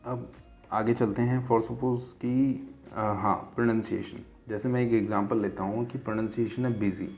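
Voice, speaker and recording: A man teaching a lesson on vowel sounds, who keeps checking in with his students and spells example words out slowly. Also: fairly low pitch, fairly even intonation, darkish tone, soft background music. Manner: repeats "theek hai" as a check-in after nearly every point. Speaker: English teacher. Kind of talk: casual explanatory lesson. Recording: dull lo-fi sound.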